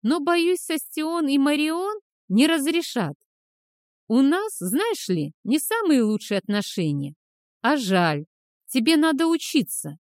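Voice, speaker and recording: A woman's voice: high-pitched, very animated, takes it slowly, no room sound, studio quality, pitched above the performer's own voice, heavily acted. A woman reading the part of a kindly, absent-minded older male scholar in an audiobook, talking fussily. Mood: kindly, fussy.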